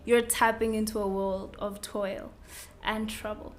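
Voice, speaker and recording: A woman's voice: medium pitch, level tone, a little slow. A woman with a South African accent co-hosting a podcast in a casual, playful style. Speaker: podcast co-host.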